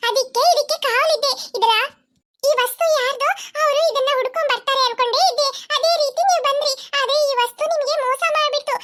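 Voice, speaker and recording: A woman doing a chirpy little cartoon sparrow. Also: very high-pitched. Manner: soothing, sympathetic, calls everyone friend. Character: tiny chirpy female sparrow, gentle and caring. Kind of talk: cartoon voice acting. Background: children's music.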